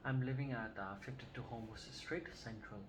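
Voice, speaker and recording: A woman playing an older Vietnamese-born male patient who answers in a halting, hesitant way in a scripted health assessment role-play. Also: rumbling low. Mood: calm. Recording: noticeable background noise.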